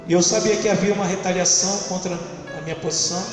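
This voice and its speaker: High-voiced preacher in an echoey hall. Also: male voice, fairly even intonation, fast talker, far from the mic. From São Luís, Maranhão, Brazil. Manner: dramatic storytelling with repetition. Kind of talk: testimony sermon. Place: church hall. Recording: echoey church hall from afar with music.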